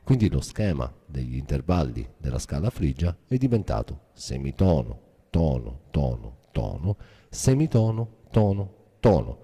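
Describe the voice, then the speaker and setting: Very deep-voiced man teaching guitar. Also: sing-song, measured pace, warm tone, slightly rough. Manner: methodical, step-by-step instruction. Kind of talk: guitar lesson explanation. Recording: guitar playing behind voice.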